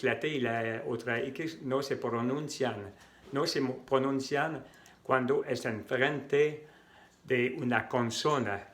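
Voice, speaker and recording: A man teaching a language lesson, speaking deliberately and repeating each word to model its pronunciation. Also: mid-range voice, a bit bright. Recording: echoey room.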